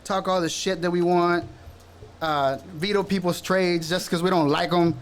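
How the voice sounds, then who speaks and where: A man from El Salvador in his thirties co-hosts a casual sports podcast, laid-back, chatty and teasing. His voice is high, with fairly even intonation and normal speed.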